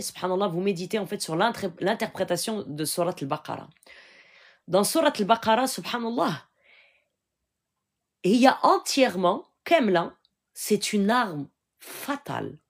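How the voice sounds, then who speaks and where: A woman's voice: medium pitch, creaky. A woman giving an earnest, instructive live question-and-answer talk. She switches often between French and Arabic and keeps checking in with her listeners. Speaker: spiritual healer answering questions.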